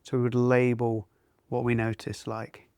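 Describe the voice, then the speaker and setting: A man's voice: medium pitch, monotone, unhurried, a little mellow, clean tone, no room sound, studio quality. Thoughtful mindfulness teacher, man. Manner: thoughtful, searching for words. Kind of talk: conversational discussion.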